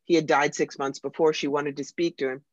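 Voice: medium pitch, brisk, no echo. American psychic speaking animatedly, dry sound. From United States. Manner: animated, emphatic, wry. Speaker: psychic medium guest. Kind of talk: conversational interview storytelling. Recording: dry, slightly dull lo-fi sound.

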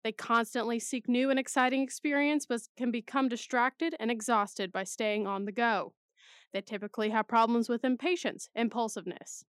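A young woman putting on a polished news anchor voice in a dry, close recording, slow and emphatic. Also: on the high side, fairly even intonation, clean tone, no room sound, natural voice. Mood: crisp, upbeat. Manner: slow, emphatic, bright newsreader delivery.

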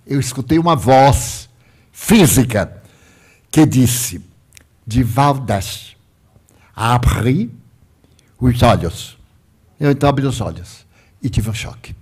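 An older man dramatically telling a personal spiritual story to an audience, swinging between loud and hushed. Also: medium pitch. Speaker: speaker.

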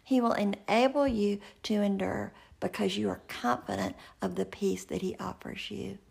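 Middle-aged woman preacher, earnest storyteller, heavy vocal fry, breathy edge. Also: mid-range voice, steady tone, a little mellow. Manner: earnest, slows and drops to a whisper for emphasis. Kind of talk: sermon with personal storytelling.

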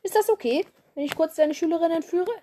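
A woman voicing a battle-hardened male cat who leads his clan, speaking in a gruff, commanding way. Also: extremely high pitch, brisk, mellow, slight background noise, pitched above the performer's own voice.

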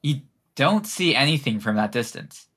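A man's voice: medium pitch, animated, moderate pace, a bit bright, husky. A man casually narrating a tabletop game as game master, in an informal way with some swearing.

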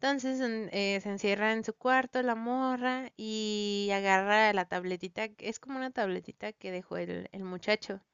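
A woman with a Mexican Spanish accent chats to her viewers, retelling a plot in loose, slangy, rambling speech with plenty of fillers. Her voice is very smooth and resonant. The recording is dry and a bit dull, like lo-fi home audio. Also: medium pitch, moderate pace, hardly any pauses, fairly bright tone, no room sound. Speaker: vlogger recounting a story.

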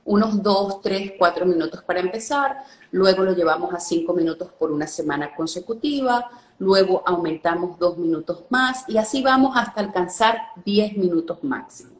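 A woman's voice: lowish voice, moderate pace, roomy sound. A woman explaining speaking techniques as a guest coach, checking in with listeners often. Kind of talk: instructional live-stream talk.

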